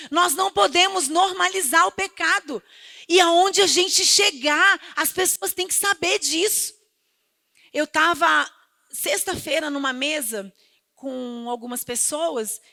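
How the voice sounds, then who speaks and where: A middle-aged Brazilian woman pastor giving an animated sermon, swinging between loud emphasis and hushed asides. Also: sits high, vocal fry. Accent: Brazilian Portuguese. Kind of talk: lively sermon with storytelling.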